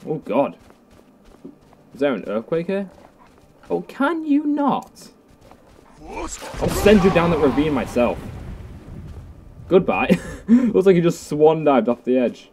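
Excitable young man commenting on a game. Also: on the high side, unhurried, long pauses, breathy edge. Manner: jokey, excitable, talks to enemies. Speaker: gameplay commentator. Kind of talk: casual let's play commentary.

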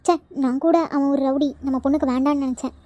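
A caring village mother, voiced by a woman in a cartoon comedy, high-pitched and motherly. She coaxes and scolds in turn, recorded close and dry. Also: steady tone, quick pace, warm tone, no echo, close to an everyday voice. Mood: coaxing. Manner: coaxing, motherly. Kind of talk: cartoon voice acting.

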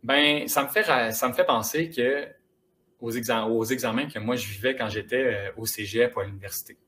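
A young man with a Quebec French accent giving a lively, casual, encouraging motivational talk to students in a school auditorium. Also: mid-range voice, brisk. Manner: lively, casual and encouraging, addressing the audience directly. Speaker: motivational speaker.

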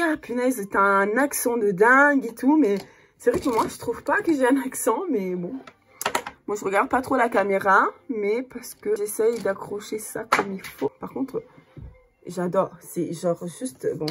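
A woman's voice: medium pitch, animated, moderate pace, a little hiss or hum. A woman in her thirties with a Cape Verdean Portuguese accent, chatting casually to the camera as a vlogger, with lots of fillers. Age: 30s. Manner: chatty, many fillers, distracted by her child.

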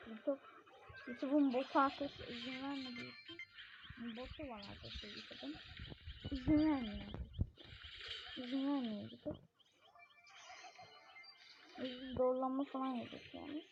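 A woman giving excitable play-by-play commentary on a mobile game, talking straight to her viewers. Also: high-pitched, moderate pace, pauses often. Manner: excitable, keeps addressing viewers. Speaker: gaming channel host. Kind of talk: live mobile gameplay commentary. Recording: dull lo-fi recording with steady noise.

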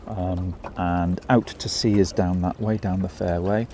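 Low-voiced and unhurried, this English sailing vlogger in his sixties narrates casually from his small open boat on an estuary. The action camera mounted aboard picks up clear wind and water noise, along with his chatty, self-deprecating talk and its many fillers.

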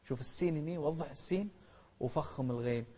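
A man leads a Quran recitation lesson in a fairly high voice. He chants each verse slowly and carefully, then breaks off into fast, soft corrections. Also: slightly rough.

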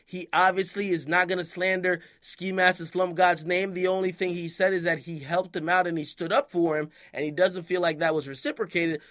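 Animated bright-voiced young man commentator. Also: high voice, a little fast, few pauses. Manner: animated, slangy, profane, keeps asking "okay?". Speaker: hip-hop news commentator. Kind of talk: casual commentary to camera.

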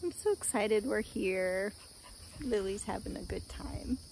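A woman chatting excitedly in a casual vlog while camping outdoors in the woods. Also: medium pitch, a little slow, creaky, slight background noise, low-quality recording. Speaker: vlogger. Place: wooded campsite outdoors.

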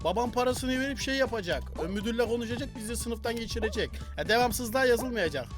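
Young male gaming youtuber, very high voice, quick and loud, jokey running commentary, faint game music under. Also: animated. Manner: loud, joking, talks to the game characters. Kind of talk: excited gameplay commentary.

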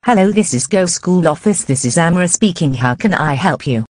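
Young man faking female receptionist, high falsetto, polite, dry. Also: lively intonation, normal speed, no echo.

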